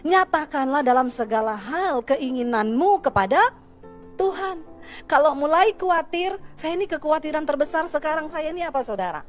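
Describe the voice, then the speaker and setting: A woman pastor giving a sermon, telling stories and speaking straight to her congregation. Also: sits high. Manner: conversational storytelling, addressing the congregation directly.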